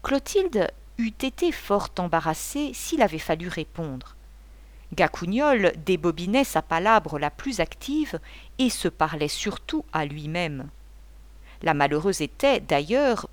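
Woman audiobook narrator, lowish voice, lively expressive read, dry close sound. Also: unhurried, no room sound. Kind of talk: scripted narration of a novel.

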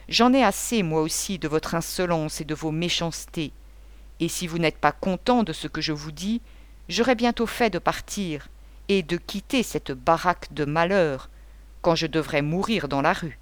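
A woman's voice: lowish voice, no room sound, close to an everyday voice. A woman doing an indignant proud young woman. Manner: sharp and indignant. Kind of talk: audiobook character voice.

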